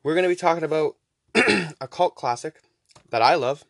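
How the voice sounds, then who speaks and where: Man, higher-than-average pitch, casual podcast rambling, repetitive urging, weak R pronounced like W, dry recording. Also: lively intonation, normal speed, fairly bright tone, no room sound. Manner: weak R sounds, pronounced close to W; chatty, urging listeners on with repeated phrases. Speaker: podcast host.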